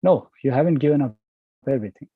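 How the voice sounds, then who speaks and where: A man voicing a wise queen in the form of a small boy, calmly correcting a hermit. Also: medium pitch, quick pace, slightly rough, dry recording, narrow, tinny audio. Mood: blunt.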